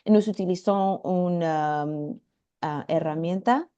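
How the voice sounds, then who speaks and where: A woman from Mexico with a Mexican Spanish accent, introducing herself informally and apologetically searching for words in a language she speaks haltingly. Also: on the low side, warm tone, smooth, highs cut off. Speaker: networking meeting participant introducing herself. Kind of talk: informal self-introduction at an online meeting. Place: indoors, video call.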